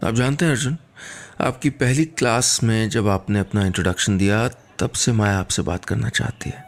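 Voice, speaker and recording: Gentle young woman, heartfelt, male narrator doing her in a low voice, radio storybook. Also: normal speed, vocal fry, faint music behind. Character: young married woman, gentle, emotional friend.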